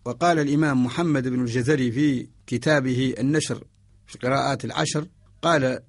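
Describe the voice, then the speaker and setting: A man from Mauritania giving a radio lesson on Quran orthography. He explains each point in a measured way and chants the verses he quotes. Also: mid-range voice, fairly even intonation, no room sound, studio quality.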